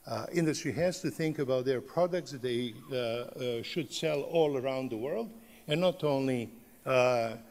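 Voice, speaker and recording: A middle-aged Serbian professor delivers a conference keynote in English in a large hall, and the recording carries that space's long reverb. He speaks unhurriedly with a Serbian accent, plain non-native phrasing and frequent "uh" fillers. His voice is mid-range with a darkish tone.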